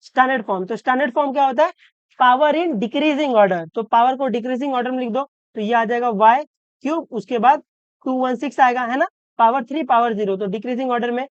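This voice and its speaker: A woman maths tutor from Maharashtra explains a problem step by step, often checking that the students follow and slowing down to stress each rule. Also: a little high, clean tone, no echo, dull audio. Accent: Hindi-English mix, Maharashtra. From Maharashtra, India. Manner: checks understanding with repeated questions; slows down to stress key rules.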